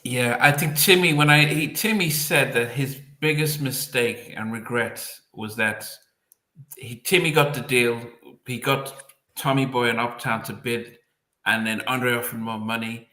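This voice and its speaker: A man hosting a podcast, calmly recounting what others told him in casual chat. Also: mid-range voice, measured pace, echoey room. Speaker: podcast host.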